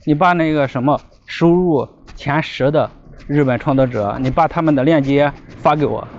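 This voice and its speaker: A man's voice: on the high side, moderate pace. A man chatting casually and insistently, repeating his requests as he talks. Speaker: vlogger asking an AI assistant questions. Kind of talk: casual chat. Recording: muffled, noisy ambient recording.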